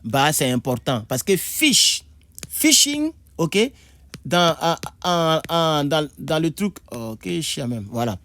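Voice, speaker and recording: A man teaching English idioms in a video lesson, repeating words and jumping high to act out phrases. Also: slow, fairly bright tone. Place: indoor room with a board.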